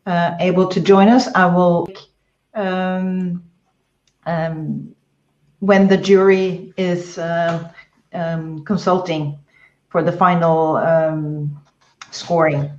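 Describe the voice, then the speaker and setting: Woman hosting an online event, slow and full of ums, roomy dull call audio. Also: on the low side, flat delivery, a little mellow. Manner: hesitant, many fillers. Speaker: event moderator. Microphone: video call.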